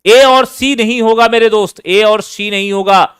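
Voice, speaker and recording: Male tutor, high clear voice, dry close sound, keeps quizzing the class. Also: normal speed, no echo. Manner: energetic, coaxing students to comment; repeats key points and quizzes listeners. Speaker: teacher. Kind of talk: live online exam-prep class.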